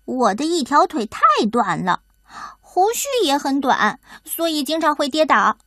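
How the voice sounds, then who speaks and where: A woman's voice: high voice, sing-song, measured pace, a bit bright, no echo, clean studio sound, exaggerated voice. A woman voicing a cheerful, thoughtful little male mouse who talks eagerly.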